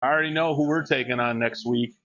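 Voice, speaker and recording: A man's voice: mid-range voice, steady tone, quick pace, a bit bright. A man in his forties chatting casually on a live stream, joking and reading chat aloud. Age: 40s. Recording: dull lo-fi mic.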